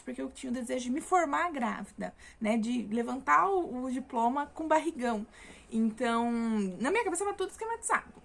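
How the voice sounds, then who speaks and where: A young woman tells a personal story in a loose, chatty way, with lots of fillers and restarts. Her voice sits a little high and carries a gravelly fry. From Brazil. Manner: chatty, frequent fillers and self-corrections. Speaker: vlogger.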